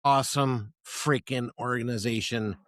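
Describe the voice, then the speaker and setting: A middle-aged man hosting a conversational podcast, rambling with restarts and giving enthusiastic shout-outs. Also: medium pitch, steady tone, normal speed, no echo. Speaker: podcast host.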